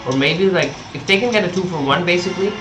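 Young male streamer, invested sports fan, slangy live reactions, higher-pitched voice, roomy sound. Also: quick pace, over music. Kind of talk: casual live basketball reaction commentary.

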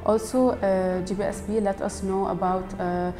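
This student testimonial comes from a Lebanese woman in her early twenties with a mid-range voice, fairly even intonation, and normal speed. It's recorded indoors against a plain wall and banner in a reverberant hall, with clear background music underneath.

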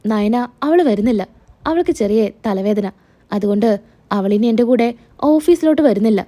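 A woman's voice: on the high side, animated, moderate pace, warm tone, natural voice. A woman voicing a cold, curt young husband in a spoken recap of a TV serial, talking in a short, dismissive way. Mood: guarded.

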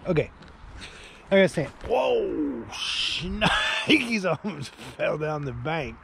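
A man's voice: a little high, extremely slow, vocal fry, pauses often. A man in his forties, vlogging casually on an outdoor riverbank to an action camera, laid-back and saying "man" and "dude" a lot. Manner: laid-back, says "man" and "dude" a lot, excitable when he lands a fish. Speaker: angling vlogger. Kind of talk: casual fishing vlog. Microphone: action camera held close or set nearby. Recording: outdoor wind and ambient noise.

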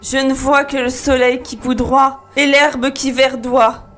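A calm young sister keeps watch and answers steadily in a high, light voice, as a woman storyteller plays her. Her replies come slowly, with soft music underneath. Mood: watchful.

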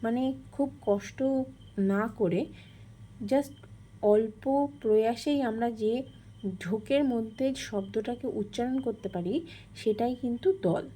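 A woman's voice: a little high, a little slow, pauses often, warm tone, a little hiss or hum. A woman teacher explaining a grammar lesson step by step, asking questions and answering them.

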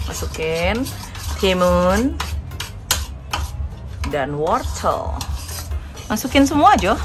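A middle-aged woman casually directing her children through a cooking session in a home kitchen, playful and teasing, with music and clatter behind. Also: fairly low pitch. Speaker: mother guiding kids through cooking. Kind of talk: casual instructional cooking chat.

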